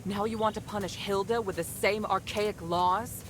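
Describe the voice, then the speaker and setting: A woman's voice: mid-range voice, fairly even intonation, normal speed, noisy background, lightly acted. A woman voicing an earnest, defiant noble mistress in a dramatic video game, speaking formally and urgently. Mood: indignant.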